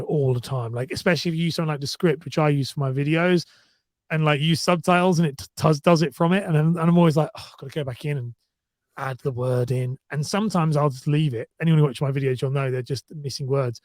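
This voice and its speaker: Podcast guest: fast, chatty southern English man, fairly high voice, dry. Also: fairly even intonation, darkish tone, no echo. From southern England. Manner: fast-talking, chatty, many fillers and restarts. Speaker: podcast guest, content marketer. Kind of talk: casual podcast chat.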